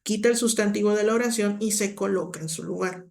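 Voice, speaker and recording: A woman's voice: mid-range voice, brisk, gravelly, darkish tone. A woman teaching an exam-prep grammar lesson, patiently explaining and talking directly to the student with checking questions.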